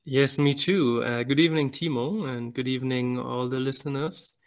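A man raised in Germany, introducing himself as a podcast co-host in a measured, plain way. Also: medium pitch, steady tone. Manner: measured, plain, slightly hesitant.

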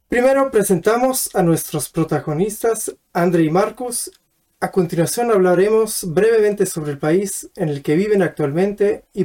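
A man hosting a podcast who introduces the episode and asks his guests guiding questions in a measured way. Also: high voice, a little mellow. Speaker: podcast host and interviewer. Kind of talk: scripted intro, then casual interview.

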